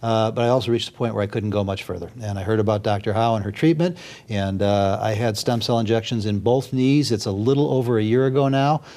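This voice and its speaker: A man's voice: fairly low pitch, brisk, warm tone. A man giving a plain-spoken, conversational testimonial as an interview guest. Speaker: testimonial guest, sports publisher.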